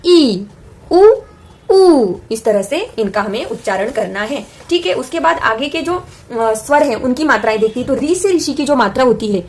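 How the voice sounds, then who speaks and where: A woman teacher explaining a lesson patiently, often pausing to say example sounds slowly and clearly. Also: on the high side. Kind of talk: classroom-style lesson explanation.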